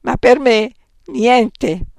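A man's voice: high voice, big pitch swings, a little slow, no echo, studio quality, voice pushed up, heavily acted. Man voicing Xanthippe, a bitter grieving wife. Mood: furious. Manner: bitter, raised, reproachful outbursts. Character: grieving angry older wife, sharp-tongued. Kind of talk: audiobook reading.

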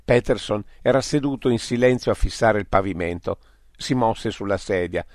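A man reading an audiobook story aloud in a steady narrating manner. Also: lowish voice, normal speed, no room sound, clean studio sound.

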